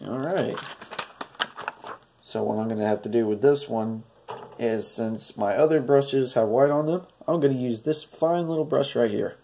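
A stuffy, nasal man narrates a casual craft tutorial, his mellow voice carrying a gravelly fry. He talks through each step in a hesitant, hopeful way. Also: medium pitch, moderate pace. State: stuffy, congested. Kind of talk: casual DIY painting tutorial.

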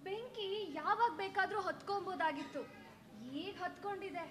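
A woman's voice: very high-pitched, moderate pace, bright, forceful tone. A woman playing a dead wife's bitter spirit. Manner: bitter, cutting, reproachful. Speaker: stage actor. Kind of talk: Kannada stage drama. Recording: echoey stage sound.

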